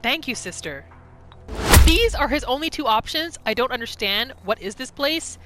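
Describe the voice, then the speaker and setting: A gaming video creator and roleplayer gives gameplay commentary, voicing her character's thoughts and reacting to what happens in the game. Her voice is high-pitched and expressive at a normal speed. Heavy background noise sits under her, along with faint music.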